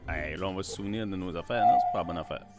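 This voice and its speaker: Speaking very fast in a low-pitched voice over loud music, this young Twitch streamer with a Québécois French accent banters with his viewers during a quiz game. He teases them, laughs a lot, and uses a desk microphone.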